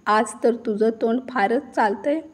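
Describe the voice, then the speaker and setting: A bossy, hot-tempered husband barking at his wife, as a woman narrator puts him on. The voice stays fairly high, close to the reader's own, with a scolding, indignant edge. It is a storybook reading. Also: a little slow. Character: domineering older husband, quick to anger.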